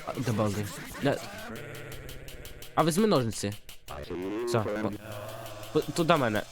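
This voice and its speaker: A man giving excited gameplay commentary, breaking into panicky yelps and repeated outbursts. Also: medium pitch, measured pace. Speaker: let's play gamer. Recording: game music loud under voice. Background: game music.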